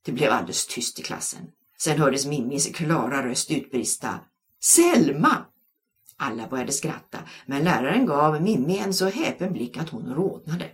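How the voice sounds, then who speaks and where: A woman reading a children's novel aloud with expressive storytelling. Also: low-pitched, few pauses. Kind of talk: audiobook narration.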